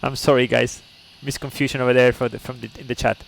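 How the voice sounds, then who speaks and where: A Chilean man streams a flight sim live in English, patiently explaining each step, asking "okay?" to check in, and chatting with viewers on the side. His medium-pitched voice is gravelly and fast with little pitch movement, and the audio is poor.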